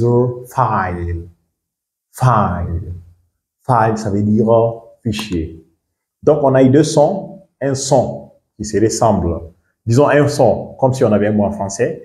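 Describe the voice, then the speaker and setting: Homme guinéen, voix grave, pièce qui résonne. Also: male voice, on the low side, mellow, roomy sound. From Guinea. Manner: repeats example words slowly, asks "you understand me?". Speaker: English teacher. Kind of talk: bilingual pronunciation lesson.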